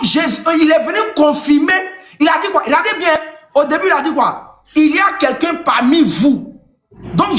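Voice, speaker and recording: Man, very high voice, lively pitch, emphatic debater, lecturing, echoey room. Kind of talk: heated religious debate.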